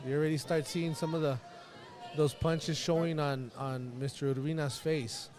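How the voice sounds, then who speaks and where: A man's voice: a little high, steady tone, normal speed. A man giving live commentary on combat sports as a fight commentator. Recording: live event with crowd behind. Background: crowd noise.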